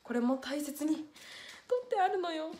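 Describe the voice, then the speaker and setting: A young adult idol host chats on her own livestream in a high, animated, mellow voice at ordinary speed. As she reads letters out loud she gets close to crying. Faint noise and echo from the room come through in the recording.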